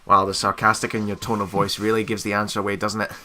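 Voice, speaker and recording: A man's voice: lowish voice, completely flat delivery, fast, pushed and bright, slight background noise. A man casually commentating a co-op game, joking and explaining tricks to viewers. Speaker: co-host of a gaming channel. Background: game music.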